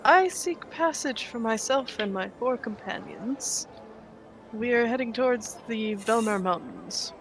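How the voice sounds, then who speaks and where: A woman's voice: a little high, lively intonation, measured pace, a little hiss or hum, voice pushed up, poor audio. A woman voicing a polite, old-fashioned adventurer in a tabletop role-play. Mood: courteous. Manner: courteous, old-fashioned, hesitant. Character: polite, formal adventurer seeking passage. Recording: music behind.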